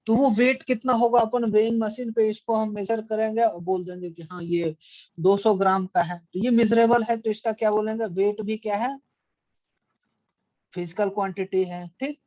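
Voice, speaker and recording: A man's voice: sits high, steady tone, normal speed, darkish tone, no room sound. A man teaching an online physics class, asking the students questions and answering them himself. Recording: dry, dull lo-fi audio.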